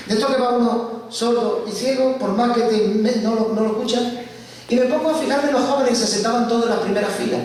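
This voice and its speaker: A man giving a church testimony, telling his story with animated, acted-out dialogue. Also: sits high. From Spain. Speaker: guest speaker giving testimony. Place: large church hall. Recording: echoey church hall from far off, faint hiss.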